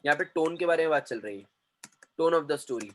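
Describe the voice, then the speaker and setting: A man's voice: fairly high pitch, lively intonation, moderate pace, a bit bright, low-quality recording. A man teaching a class on storytelling as a communication trainer. He repeats key terms and keeps checking in with listeners.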